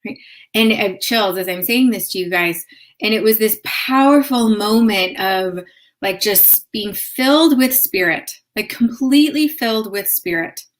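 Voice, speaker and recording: A woman's voice: mid-range voice, a little slow. A middle-aged woman hosting a spiritual live stream, telling a personal story in an earnest, emotional way.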